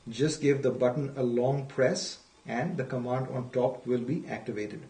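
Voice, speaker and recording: A man with a warm, mid-range voice presents a product demo at a moderate pace, laying out instructions step by step and repeating what matters most. The recording has roomy echo from a distant microphone.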